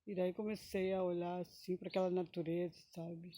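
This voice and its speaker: A woman's voice: fairly low pitch, flat delivery, a little fast, mellow, dry recording. A woman giving an emotional personal testimony, rambling, often adding tag questions and breaking into short praise exclamations.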